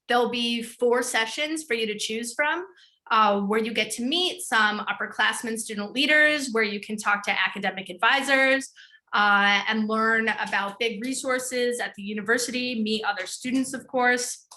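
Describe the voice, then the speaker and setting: A woman's voice: on the high side, sharp tone. A middle-aged woman from the Chicago suburbs, hosting an online open house as student programs director, with an upbeat, chatty delivery full of fillers. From northern suburbs of Chicago.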